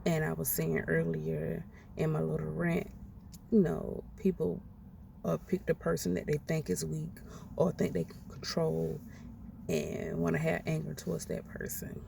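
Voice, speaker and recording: A woman's voice: deep voice, little pitch movement, a little slow, vocal fry, mellow. A woman, ranting her opinions in a blunt, outspoken, profane way. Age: 40s. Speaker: commentator ranting on a podcast. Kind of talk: casual opinion rant. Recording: noisy, distant from the mic.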